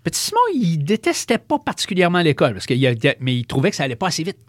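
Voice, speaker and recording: A man's voice: fairly high pitch, very fast, dry recording, studio quality. A man with a Quebec French accent, co-hosting a talk show and explaining a science topic in a casual, rambling way. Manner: explanatory, many fillers and restarts, lively.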